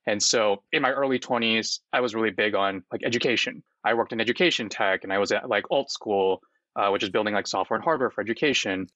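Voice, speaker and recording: A man of about thirty, a startup founder, talks in a relaxed, rambling way full of fillers, often laughing as a guest in an interview. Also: fairly low pitch, fast talker, no echo, highs cut off. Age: 30s. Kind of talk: casual interview chat.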